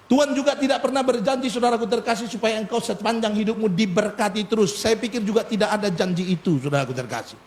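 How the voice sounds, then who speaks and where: A middle-aged man preaching a sermon as a pastor, animated and humorous, with frequent asides to the congregation. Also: high voice, slight background noise. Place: church.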